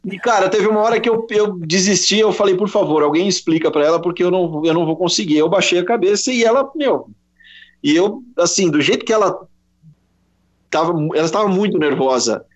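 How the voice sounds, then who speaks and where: A Brazilian sports journalist, a man, telling an animated anecdote in a casual interview, quoting voices along the way. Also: high voice, brisk. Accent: Brazilian Portuguese. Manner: animated anecdote with quoted voices, many restarts. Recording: slightly dull lo-fi audio.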